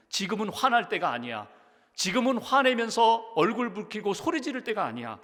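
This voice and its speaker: A man's voice: sits high, a bit bright, long reverb tail. A male pastor delivering a sermon, earnest and full of rhetorical questions. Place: church sanctuary.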